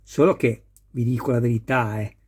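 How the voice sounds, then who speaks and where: This hands-on tutorial features a model kit builder carefully explaining, step by step, how to assemble a scale model car. His medium-pitched voice is steady and darkish with a breathy edge, delivered at a moderate pace.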